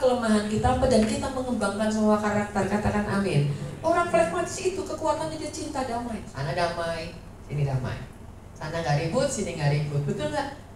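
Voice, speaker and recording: A woman pastor preaching a sermon in a lively, conversational way, acting out quoted voices. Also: sits high, slight background noise. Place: church hall. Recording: echoey church hall from far off.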